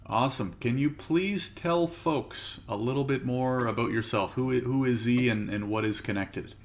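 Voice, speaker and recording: A man hosting a podcast, asking relaxed open questions in a conversational way. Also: medium pitch, normal speed. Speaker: podcast host. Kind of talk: casual podcast interview.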